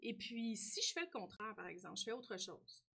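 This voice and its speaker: A woman's voice: fairly high pitch, sing-song, moderate pace, vocal fry, pushed and bright, slightly rough. A woman teacher with a Québécois French accent who gives a spelling lesson to young children, talks to the child directly and keeps asking "hein?".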